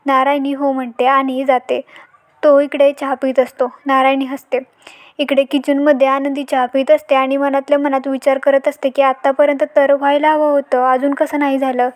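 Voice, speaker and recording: A woman with a Marathi accent recapping a TV serial episode in steady storytelling narration. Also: high-pitched, normal speed.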